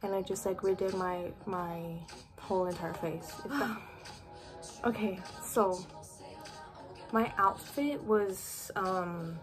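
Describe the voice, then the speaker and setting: A woman's voice: medium pitch, slow pace, long pauses. Teen vlogger girl, bedroom webcam chat, rambly and full of "like", faint music behind. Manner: chatty, lots of "like" fillers. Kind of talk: casual chat to camera. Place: bedroom at home.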